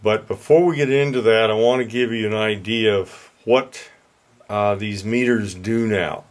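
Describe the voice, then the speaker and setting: An older man, an HVAC repair instructor, explaining a hands-on meter demonstration in a plain, folksy, unhurried way at a workshop bench. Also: lowish voice, fairly even intonation.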